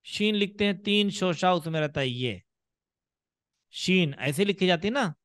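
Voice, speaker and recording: Male online teacher, rather high voice, slow and patient, dry sound. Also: animated, fairly bright tone, no room sound. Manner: patient, drawn-out demonstrations of sounds. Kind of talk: online class teaching Quran reading. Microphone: video call.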